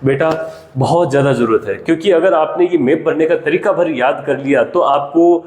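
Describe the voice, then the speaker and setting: A man with a fairly high voice teaches a geography class in Hindi. He fires questions at his students and answers them himself, calling them child. His voice rings with a long reverb in an echoey room. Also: normal speed, darkish tone, slight background noise. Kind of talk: classroom lesson.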